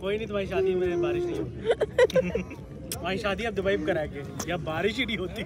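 Teasing man with lively pitch. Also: a little fast, a crowd in the background. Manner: teasing, jokey. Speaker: friend on the trip. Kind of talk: casual banter.

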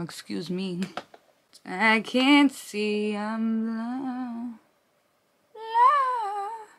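A woman's voice: medium pitch, no echo. A woman in her twenties chatting casually to her phone camera in a slangy, blunt vlog style with some swearing. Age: 20s. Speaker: vlogger.

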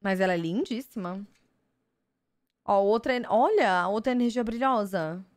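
A young woman streamer with a Brazilian Portuguese accent opens cards and gushes over the art, exclaiming excitedly at every turn. Her medium-pitched voice moves at a moderate pace, recorded dry and studio-clean.

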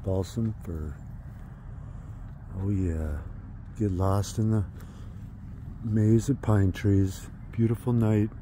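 An upbeat man in his thirties chats excitedly while filming himself on a phone held at arm's length. His voice is mellow and dark, with a little faint noise outdoors behind him. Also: on the low side, slow, pauses often. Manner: enthusiastic, chatty, exclaims often. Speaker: vlogger. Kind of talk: casual vlog narration. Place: outdoors at a Christmas tree farm.

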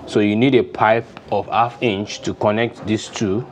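With music in the background and slight noise, a young DIY farming instructor with a Nigerian accent gives a casual, unplanned step-by-step demonstration in an open-sided poultry house with a concrete floor. His voice is low and steady, a little slow.

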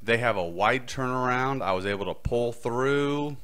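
A middle-aged man hosts a podcast from a small studio set, speaking into a close boom-arm mic. His mid-range voice is clear, resonant and a bit bright at normal speed as he shares a prepared personal story.

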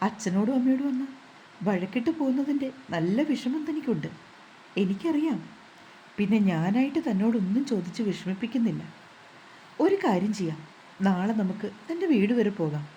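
A woman reading as a calm, caring young husband. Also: medium pitch, moderate pace, pauses often, a little hiss or hum, lightly acted, rough recording. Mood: soothing. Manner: soothing, reassuring.

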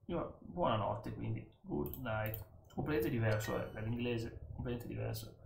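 Gravelly man chatting through an app lesson. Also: medium pitch, normal speed, reverberant, noisy background. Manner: chatty, self-correcting, repeats words aloud. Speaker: YouTuber learning a language. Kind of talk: casual commentary over a language app.

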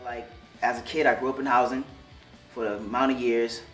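A man's voice: mid-range voice, little pitch movement, brisk. A young man, a police officer, speaking heartfelt and loosely in an interview testimonial, often restarting his phrases. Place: studio with curtain backdrop. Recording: roomy studio, distant mic, soft music.

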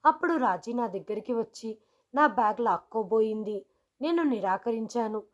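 High-voiced woman narrating a story. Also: animated, normal speed.

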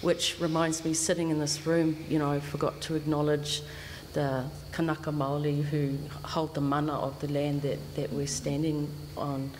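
A New Zealand woman, an artist on a panel, gives a reflective talk in a halting way, often repeating words while she gathers her thoughts. Her voice is low, level, and a little mellow. She speaks into a stand mic in an indoor art gallery, where the sound is reverberant with faint hiss.

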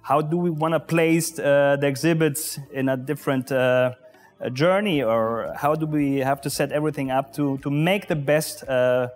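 A man in his forties, a pavilion official, answering interview questions in a halting way with many filler sounds, recorded on a lapel mic inside an exhibition hall. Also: on the high side, faint music behind. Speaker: pavilion deputy commissioner general.

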